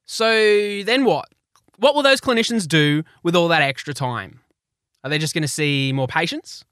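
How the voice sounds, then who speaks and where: A man's voice: fairly high pitch, moderate pace, fairly bright tone, dry recording, clean studio sound. A man hosting a podcast in a chatty, informal, chummy way. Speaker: podcast host.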